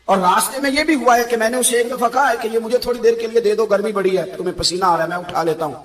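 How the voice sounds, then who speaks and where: A man preaching an emotional sermon, telling stories dramatically and swinging between loud exclamations and hushed narration. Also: high voice, reverberant. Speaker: Islamic preacher.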